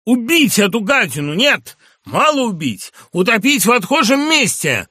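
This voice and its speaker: A man's voice: very animated, normal speed, bright, forceful tone, breathy edge, no room sound, studio quality, full character voice. A man voicing a young, furious male asylum patient who rants and shrieks accusations. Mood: raging. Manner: shrill, ranting, raised voice.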